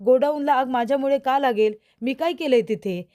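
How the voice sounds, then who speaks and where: A woman's voice: high-pitched, fairly quick, warm tone, close to an everyday voice. A woman reading a pleading young man. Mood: defensive. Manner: pleading, defensive.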